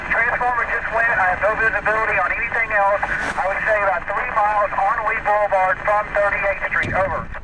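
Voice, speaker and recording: A man's voice: high voice, fairly even intonation, a little fast. Man giving storm reports through heavy noise. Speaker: storm spotter reporting over radio. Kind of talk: clipped radio storm reports. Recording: very noisy car and radio sound.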